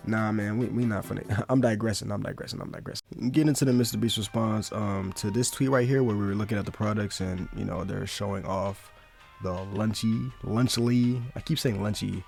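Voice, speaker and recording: Gravelly young man rambling in slang. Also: fairly low pitch, fairly even intonation, fairly quick, a little mellow, faint music behind. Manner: rambling, slangy, lots of "bro" and "like". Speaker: commentary YouTuber. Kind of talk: casual commentary.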